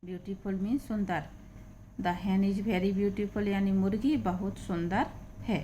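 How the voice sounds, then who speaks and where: A woman's voice: medium pitch, steady tone, a little slow, mellow, a little hiss or hum. A woman teaching an English reading lesson, patiently spelling out and repeating each word.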